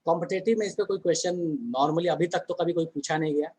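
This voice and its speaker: A man's voice: fairly high pitch, steady tone, quick pace, warm tone, slightly rough, low-quality recording. A man teaching a chemistry class online in a conversational way, often asking the students questions and answering them himself.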